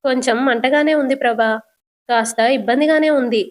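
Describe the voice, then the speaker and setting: A woman's voice: high voice, moderate pace, natural voice. A woman voicing a timid, henpecked older husband who pleads and frets. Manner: pleading, fretful.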